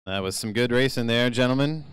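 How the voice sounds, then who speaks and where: A man announces a live bicycle race with a very clear, ringing voice and a dry, close sound. He mixes play-by-play with light jokes and asides in a relaxed, playful manner. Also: medium pitch, brisk, no echo. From Kentucky. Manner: jokey, playful asides between race calls. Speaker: track announcer. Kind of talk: live race commentary over PA.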